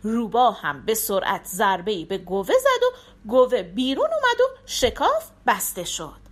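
Animated woman telling a folk tale. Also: a little high. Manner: expressive, animated. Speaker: storyteller. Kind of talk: storybook narration.

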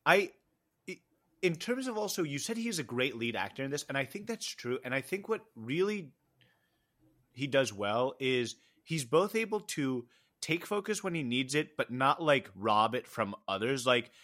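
Laughing chatty man, bright voice. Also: mid-range voice, very animated, moderate pace. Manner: chatty, laughs often, many restarts. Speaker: podcast co-host. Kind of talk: casual podcast chat.

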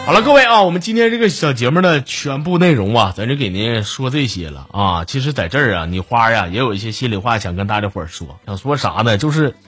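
A man's voice: mid-range voice, animated, fast, hardly any pauses, a bit bright, soft background music. A man with a Northeastern Chinese accent hosting a podcast, telling comic stories in a chatty way and acting out the voices. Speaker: podcast host telling jokes. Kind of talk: casual comic storytelling.

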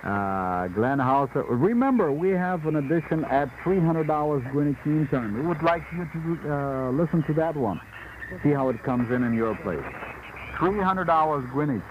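A male radio announcer heard over a fading shortwave broadcast, talking informally on air in a halting way with many pauses and fillers. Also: on the high side, expressive. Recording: muffled shortwave radio with static.

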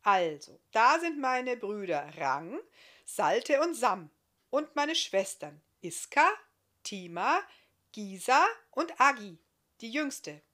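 A woman's voice: a little high, slow, voice pushed up, heavily acted. A woman voicing an eager, curious young boy in a storybook. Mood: excited. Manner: eager, excited.

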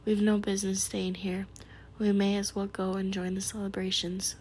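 A woman voicing a wise, calm old male wizard headmaster, speaking in a measured way in whispered role-play. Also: mid-range voice, slight background noise, close to an everyday voice.

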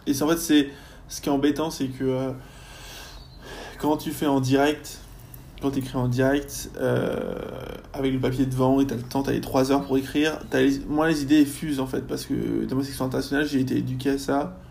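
A young man, a university student, chatting casually in a podcast interview, often pausing on fillers as he thinks. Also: mid-range voice, level tone, gravelly, a little mellow, a little hiss or hum. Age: young adult. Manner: chatty, lots of hesitations and fillers.

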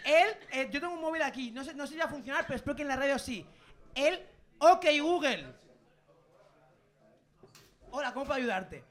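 Man, pub podcast co-host, high voice, rambling jokes. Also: expressive, fairly quick, pauses often, a bit bright. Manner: joking, rambling asides. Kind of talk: casual live podcast banter.

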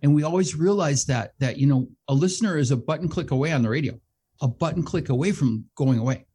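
A middle-aged man who hosts a radio show, talking as a guest in a casual interview, animated and self-deprecating, laughing often. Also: a little high, fast talker, husky. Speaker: radio show host and behavioral health manager, guest.

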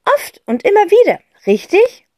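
A woman's voice: big pitch swings, unhurried, warm tone, no echo, full character voice. A woman voicing a cheeky, exuberant eccentric aunt in an audiobook, bubbly and theatrical. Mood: gushing. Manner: bubbly and theatrical, with sudden high exclamations. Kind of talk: audiobook character voice.

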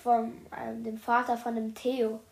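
A woman's voice: a little high, completely flat delivery, measured pace, vocal fry, darkish tone, a little hiss or hum. A woman reading a children's detective book aloud to her viewers, stopping often for chatty, slangy comments. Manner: chatty, addresses viewers as "Leute", youthful slang. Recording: roomy echo.

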